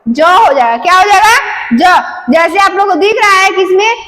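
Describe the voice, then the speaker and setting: Woman teacher, very high voice, echoing hall, asks and answers her own questions. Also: moderate pace, bright, forceful tone. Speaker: English teacher. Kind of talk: classroom lesson. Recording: long hall reverb.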